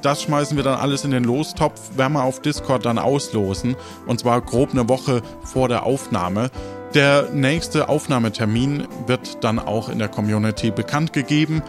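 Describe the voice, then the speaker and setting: Light guitar music plays as a man acts as game master for an improvised audio adventure podcast, chatting casually with players and listeners. He speaks at a medium pitch and normal speed.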